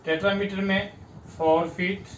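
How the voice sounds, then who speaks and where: A high-voiced man from India teaches a lesson, pacing himself slowly and pressing hard on each stressed syllable. He sounds set back from the mic in an echoing room, with a faint hum of background noise. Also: level tone, far from the mic. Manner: slow, spells out syllables with stress. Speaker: English teacher. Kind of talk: classroom lesson.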